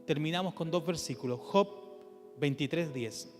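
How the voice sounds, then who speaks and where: A man with a Chilean accent preaching a sermon in church, asking the congregation question after question and dropping to a soft, low voice to stress key points. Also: moderate pace, in a large hall, faint music behind. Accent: Chilean Spanish. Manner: animated preaching with rhetorical questions, drops to a soft low voice for emphasis. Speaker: pastor.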